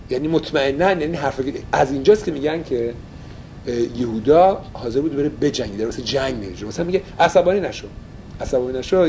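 A man's voice: a little high, darkish tone, a little hiss or hum, low-quality recording. A man teaching an informal Torah study class, mixing Persian with English and explaining phrases as he goes.

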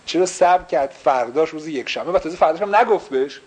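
Man, religious teacher, small class, rhetorical questions, bilingual asides, raised pitch. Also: lively intonation, rough recording. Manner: explains with repeated rhetorical questions; mixes English phrases into Persian.

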